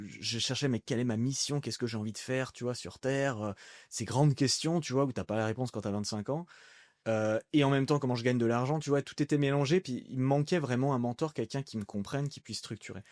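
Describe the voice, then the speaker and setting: A man in his thirties from France, guesting on a podcast, talks fast in a mid-range, slightly mellow voice. He rambles casually in a conversational interview, full of fillers and restarts. The studio-quality recording has no echo.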